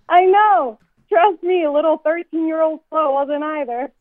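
A young woman in her twenties talks in a chatty, upbeat way, telling her story as a singer guest. Her voice is high and bright in pitch. She comes through a thin, tinny phone line with a dry, close sound. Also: takes it slowly, dry recording. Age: 20s. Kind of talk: phone-in radio interview.

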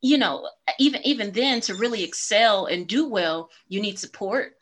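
A woman's voice: mid-range voice, lively intonation, normal speed, fairly bright tone. A young adult woman hosting a casual interview podcast, upbeat and playful in manner. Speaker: podcast host.

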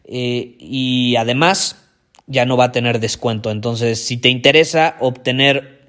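A man hosting a motivational podcast as a voice coach, emphatic, repeating key phrases and swinging his pitch and volume. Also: fairly even intonation, unhurried, a bit bright. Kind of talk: energetic motivational podcast talk.

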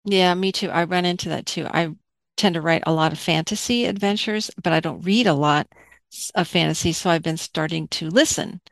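A woman's voice: lowish voice, fairly quick, gravelly, dry recording. A middle-aged woman hosting a casual interview, chatting expressively and acting out her own thoughts. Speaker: interviewer, host.

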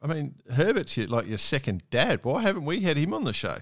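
A man's voice: a little high, sing-song, a little fast, no room sound, clean studio sound. A man hosting a casual sports chat. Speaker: podcast host.

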